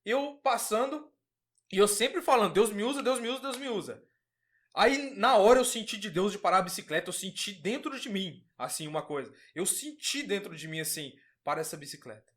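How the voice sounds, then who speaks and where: A man's voice: high-pitched, expressive, fairly quick, a bit bright. A man casually telling a personal religious testimony, earnest, acting out the dialogue as he goes. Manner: earnest storytelling, acts out quoted dialogue. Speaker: podcast guest giving testimony.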